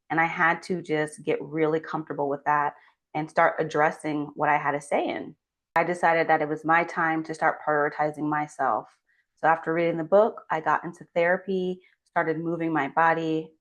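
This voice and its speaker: A woman giving a scripted motivational talk as a well-being coach, speaking earnestly and supportively straight to the listener. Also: low-pitched. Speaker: well-being coach and doctor hosting a channel.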